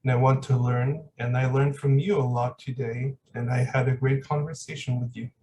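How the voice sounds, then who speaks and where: Flat-voiced male host, distant mic. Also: medium pitch, background noise. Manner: warm and effusive in thanks, halting. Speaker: podcast host. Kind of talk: casual interview talk.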